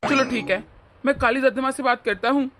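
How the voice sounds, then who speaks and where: A woman voicing a young husband and caring son in a cartoon, gentle and eager to please. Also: high voice, fairly quick, a little hiss or hum. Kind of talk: animated cartoon voice acting.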